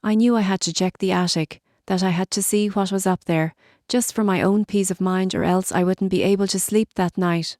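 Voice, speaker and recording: A woman narrating a scripted horror story in a steady, measured way. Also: mid-range voice, no echo, studio quality.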